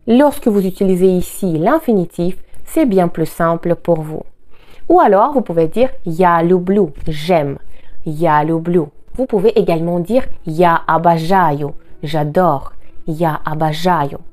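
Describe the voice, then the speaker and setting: A woman with a Russian accent, a native Russian speaker, teaching a language lesson and patiently repeating each phrase slowly twice. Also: on the low side, a little mellow.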